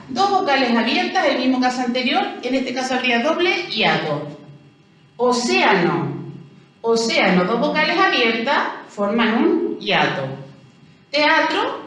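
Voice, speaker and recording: Woman, Chilean accent, teacher, high lively voice, syllable-by-syllable explaining, distant, very echoey room. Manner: explanatory, spells out syllables slowly. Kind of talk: recorded language lesson review.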